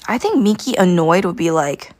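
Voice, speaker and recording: A woman's voice: on the low side, expressive, moderate pace, dry recording. A woman chatting casually while she draws during a livestream art lesson, giggling and thinking aloud. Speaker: art teacher streaming live.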